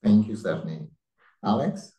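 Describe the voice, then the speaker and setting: A man's voice: fairly low pitch, expressive, normal speed, warm tone. Older man, moderator; formal introductions over webcam, noticeable room echo. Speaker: webinar moderator. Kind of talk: moderating a webinar. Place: indoor room on a video call. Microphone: video call webcam. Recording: roomy video call audio.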